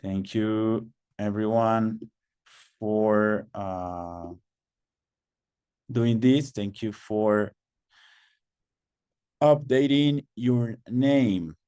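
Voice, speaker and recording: Man, webinar host, unhurried, lowish voice, patient, repeats himself, video call. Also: steady tone, dark tone, clean tone, no echo, clean studio sound. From Mexico. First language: Spanish. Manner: patient, repeats instructions, many fillers. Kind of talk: online webinar moderation.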